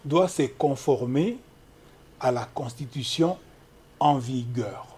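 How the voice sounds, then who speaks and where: A man, a human rights lawyer answering interview questions in a measured, lecturing way and citing legal articles. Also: mid-range voice, a little mellow, slightly rough. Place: TV studio.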